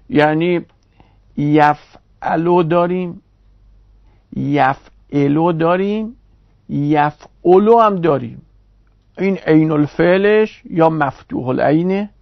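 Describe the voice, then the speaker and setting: A man giving a recorded online grammar lesson, explaining step by step at a measured pace with pauses and fillers. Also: a little high, gravelly, lo-fi sound. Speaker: Arabic grammar teacher.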